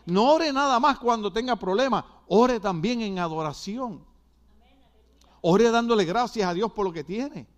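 A middle-aged pastor from Puerto Rico preaches in a Puerto Rican accent, with a high-pitched voice. He hammers his points home by repeating phrases and keeps turning to the congregation with quick asides. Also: animated. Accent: Puerto Rican Spanish. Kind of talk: sermon.

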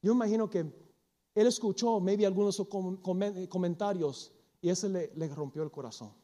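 A man's voice: sits high, moderate pace, dark tone. A man preaching a sermon, telling a story animatedly, acting out the quoted lines and slipping into English phrases now and then.

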